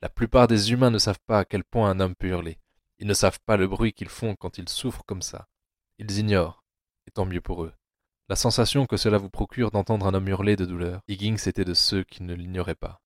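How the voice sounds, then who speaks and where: Deep-voiced male narrator, dry sound. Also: fairly even intonation, a little fast, dry recording. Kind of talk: scripted audiobook narration.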